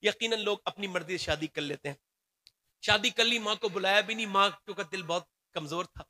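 A man's voice: high-pitched, sharp tone. A man preaching a sermon, telling a story with passion.

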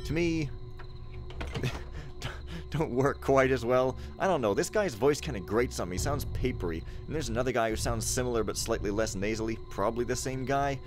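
A man records casual let's play commentary in a rambling, informal way. His pitch is ordinary and his delivery sardonic. Game music and sound play clearly behind him. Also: normal speed. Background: video game sound and music.

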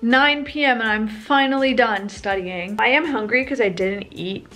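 A young adult woman vlogs casually to her camera at home, chatty and upbeat, peppering her talk with "like." Her voice is a little high, pushed and bright, at normal speed, with faint music in the background.

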